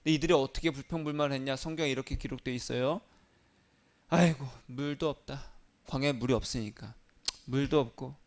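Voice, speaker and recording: A man's voice: medium pitch, steady tone, quick pace. A male pastor preaching a sermon in a conversational way, asking his congregation questions.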